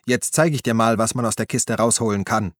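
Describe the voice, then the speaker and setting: A man voicing a brash male police officer in an audiobook, barking orders and shouting. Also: mid-range voice, fairly quick, no room sound, clean studio sound, lightly acted. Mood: bossy. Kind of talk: audiobook character voice.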